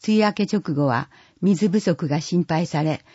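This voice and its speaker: A steady, measured voice reads an audio newsletter aloud, dark and a little husky. The recording is dull and lo-fi, with no room sound around it. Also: mid-range voice, no room sound. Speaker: reader of a newsletter for the blind.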